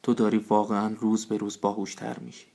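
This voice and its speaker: A pompous, foolish village council head holds forth in a lowish male voice, proclaiming his ideas with smug certainty, as a man reads him aloud. This is storybook reading, told plainly rather than with a heavy character voice. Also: level tone, vocal fry, warm tone. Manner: self-satisfied, proclaiming.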